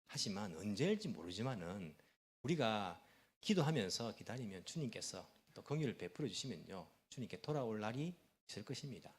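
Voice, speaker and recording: Lively Korean pastor preaching a sermon. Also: male voice, fairly low pitch. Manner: lively, asks the congregation questions and answers them; fast-talking, self-aware, chuckles at himself. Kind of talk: Sunday sermon. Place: church sanctuary.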